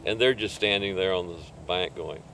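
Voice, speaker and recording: An older man, a cave diver, telling a rescue story in an interview with a relaxed, rambling manner and chuckles between points. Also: deep voice, moderate pace, a little hiss or hum.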